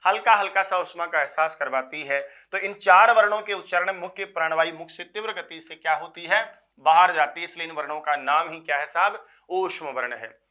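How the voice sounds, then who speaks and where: In a fairly high, bright voice, a man teaches Sanskrit grammar to students preparing for exams. He calls them "sir," cracks down-to-earth jokes, and slowly repeats phrases before answering his own questions.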